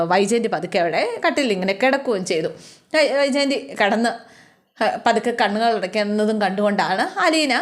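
A woman narrating a family drama in a chatty, casual storytelling way, often turning to the listener with little asides. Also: mid-range voice.

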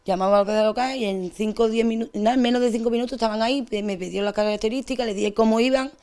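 Young woman, andalusian accent, distressed rushed telling, interviewee. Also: fairly high pitch, steady tone, a little mellow. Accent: Andalusian Spanish. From Spain. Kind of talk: emotional testimony.

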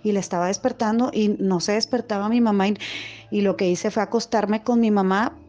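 A woman's voice: medium pitch, fairly even intonation, brisk, warm tone. A woman telling her own scary experience casually, rambling and circling back as she talks. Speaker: follower telling her own ghost story. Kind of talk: casual spoken storytelling. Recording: lo-fi voice message.

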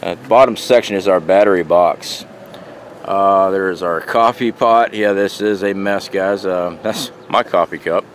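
A middle-aged vlogger with a low, unhurried voice gives a trailer tour, walking viewers around and inside a small trailer and calling them "guys" in a plain-spoken, folksy way. It's shot handheld on a camera or phone mic, so the audio is noisy with outdoor sound and fan hum.

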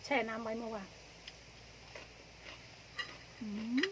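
A middle-aged woman with an Isan Thai accent chats casually to viewers while chewing, pausing between short, rambling phrases. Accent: northeastern Thai (Isan). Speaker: vlogger. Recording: dull lo-fi audio with background noise.

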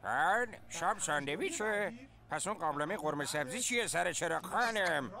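A man voicing an excitable, messy, football-loving father in an animated family cartoon. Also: sits high, vocal fry. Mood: comic. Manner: excitable, comic blustering. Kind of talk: cartoon voice acting.

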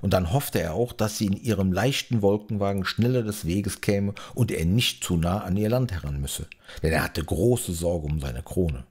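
A man reading a fairy-tale audiobook in a calm, measured storytelling manner. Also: low-pitched, breathy edge. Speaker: audiobook narrator.

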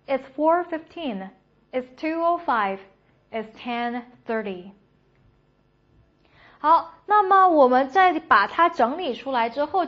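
A woman teaching English to Chinese-speaking learners, explaining step by step and drilling model phrases with clear, emphatic repetition. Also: fairly high pitch. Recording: dull lo-fi audio.

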